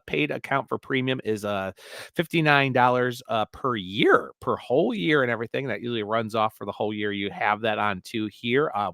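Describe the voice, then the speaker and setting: In a studio-quality recording with no echo, a male teacher leads a screen-recorded software tutorial. His voice is naturally loud and mid-range, and his delivery rambles, full of fillers and false starts.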